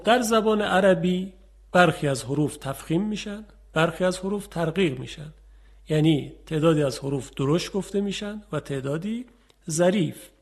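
A man's voice: fairly high pitch, darkish tone, breathy edge. A male Quran recitation teacher giving a patient explanatory lesson, repeating and demonstrating each example.

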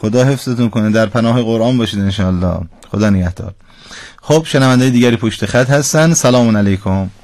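A man's voice: lowish voice, darkish tone, no echo. A man hosting a call-in radio lesson, patiently and precisely correcting callers' pronunciation. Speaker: radio Quran recitation teacher.

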